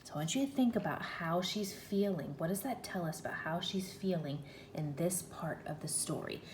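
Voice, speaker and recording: A woman first grade teacher reading a storybook aloud and gently asking her students questions. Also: lowish voice, lively intonation, moderate pace, a little hiss or hum. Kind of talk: read-aloud lesson for children. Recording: roomy echo, faint ambience.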